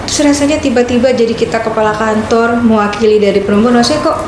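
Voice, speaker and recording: A woman in her fifties from Medan, the head of a land office, telling her story as a guest in a casual podcast interview in a lively, proud way. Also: fast. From Medan, Indonesia. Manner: animated, with big pitch swings and a proud tone. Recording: echoey room with background noise.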